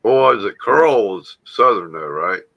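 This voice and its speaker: A man's voice: on the low side, lively intonation, a little slow, gravelly, muffled recording, slight background noise. A man chatting casually and chuckling as a panelist on a comics live stream. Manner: laid-back, chuckling. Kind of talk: casual chat.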